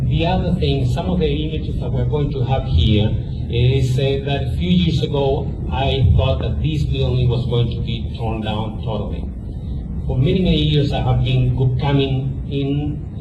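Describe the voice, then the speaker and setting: A man in his fifties from Chile, with a Chilean Spanish accent, giving an earnest, halting speech with frequent restarts to an audience at a book presentation. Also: mid-range voice, heavy background noise. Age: 50s. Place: historic mansion event space. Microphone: handheld microphone. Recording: distant, echoey, dull sound with loud music.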